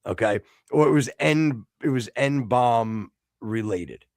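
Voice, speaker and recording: A man from the United States co-hosting a casual podcast, rambling with many restarts and sudden excited outbursts. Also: mid-range voice, slow pace, no echo, clean studio sound. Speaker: podcast co-host.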